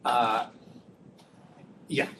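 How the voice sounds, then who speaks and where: A man giving an academic research talk and taking audience questions, chatty and relaxed, laughing easily and often restarting sentences. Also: drawn-out words, a loud crowd. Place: lecture room. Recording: distant mic with faint room noise.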